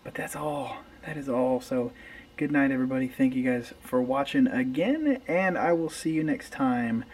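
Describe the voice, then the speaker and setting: A man's voice: medium pitch, normal speed, distant mic, poor audio. A man in his thirties chatting casually to camera about fishing gear in his home garage late at night, with fillers and restarts. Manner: relaxed, rambling with fillers and restarts. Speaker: fishing vlogger. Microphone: camera close in front, handheld at times.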